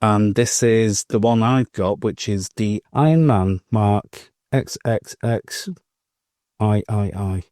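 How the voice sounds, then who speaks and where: This modelling podcast co-host has a lowish, slightly mellow voice and talks slowly. The studio sound is clean with no room sound, and his casual shopping stories ramble along with laughs and restarts.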